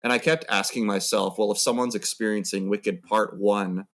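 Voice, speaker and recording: A man's voice: lowish voice, steady tone, normal speed, fairly bright tone. A man co-hosting a podcast, asking his guests a reflective question. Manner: inquisitive, reflective. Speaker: podcast co-host.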